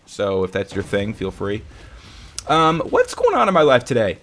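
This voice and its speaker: A man's voice: on the low side, wildly swooping pitch, normal speed, fairly bright tone. A young man hosting a casual live stream, talking in an upbeat, rambling way that often corrects itself. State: hiccuping.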